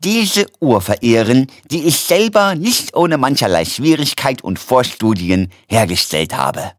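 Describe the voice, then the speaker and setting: A man's voice: medium pitch, big pitch swings, a little slow, no echo, studio quality, pitched above the performer's own voice. A man voicing a courteous elderly male doctor who talks in a polite, effusive, formal way. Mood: courtly.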